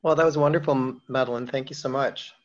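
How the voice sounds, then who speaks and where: A man moderating a literary panel, speaking haltingly with frequent ums and restarts. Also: medium pitch, fairly even intonation. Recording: dull lo-fi event audio.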